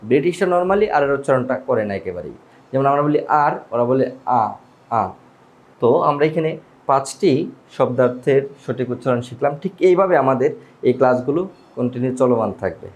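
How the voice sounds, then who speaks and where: A man's voice: medium pitch, lively intonation. A man teaching English pronunciation, repeating each word and quizzing the listener. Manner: repeats each word slowly, asking the viewer back. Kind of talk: spoken language lesson.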